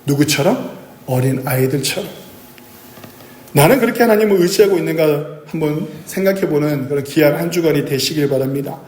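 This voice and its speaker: A man's voice: a little high, brisk, darkish tone, slight background noise. Earnest man preaching in an echoey church. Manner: earnest preaching with rhetorical questions to the congregation. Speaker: pastor. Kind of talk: sermon. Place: church sanctuary.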